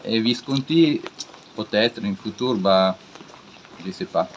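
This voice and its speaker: A man with an Italian accent, a native Italian speaker giving an interview in halting, foreign-accented French, searching for words. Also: fairly low pitch. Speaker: interviewed artist. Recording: dull lo-fi with faint background noise.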